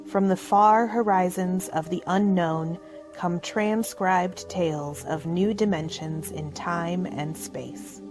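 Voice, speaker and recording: Female radio drama announcer, low-pitched and unhurried, dramatic scripted read over prominent music. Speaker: announcer and narrator.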